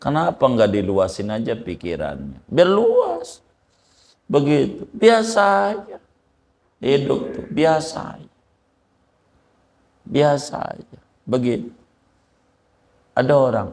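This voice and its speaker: A man's voice: mid-range voice, darkish tone. A man giving a casual, joking religious lecture, acting out little dialogues as he teaches. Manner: chatty, joking, acts out dialogues. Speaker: Islamic preacher.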